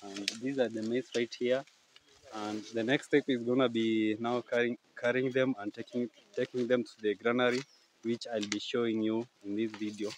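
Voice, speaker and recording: A man's voice: mid-range voice, poor audio. A young man presenting a casual vlog outdoors on a rural farm, talking eagerly to his viewers into a phone held at arm's length. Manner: upbeat presenter, eager audience prompts. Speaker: vlogger. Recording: outdoor farm noise behind.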